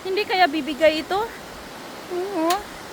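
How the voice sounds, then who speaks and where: A woman vlogging by a waterfall on her phone, excitable and giggly, exclaiming often and sounding nervous and shaky. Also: extremely high pitch, noisy background. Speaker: travel vlogger. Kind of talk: casual vlog narration. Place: outdoors by a waterfall. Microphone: handheld phone. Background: rushing waterfall.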